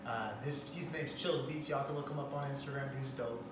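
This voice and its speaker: A man's voice: mid-range voice, steady tone, a little fast. A man in his twenties, a rapper, talking laid-back and casual with slang in an interview. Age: 20s. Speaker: guest rapper. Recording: roomy echo, far from the mic, background noise.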